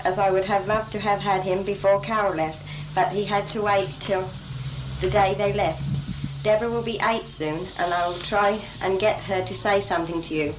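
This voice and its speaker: A young woman giving an informal, slightly self-conscious message to relatives. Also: mid-range voice. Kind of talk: informal spoken letter to relatives. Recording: noisy amateur home tape.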